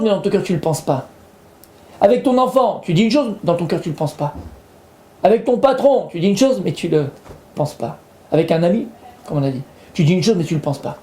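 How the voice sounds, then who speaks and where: High-voiced rabbi in an echoey room. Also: male voice, expressive, fairly quick, warm tone. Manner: explains patiently, repeats and rephrases points, slips in Hebrew terms. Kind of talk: Torah lesson.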